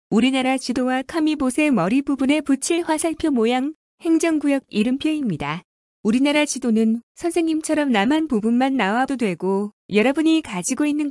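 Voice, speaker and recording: A woman teacher giving a clear, scripted coding lesson narration. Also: high-pitched, no room sound, clean studio sound. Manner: clear, even, instructive.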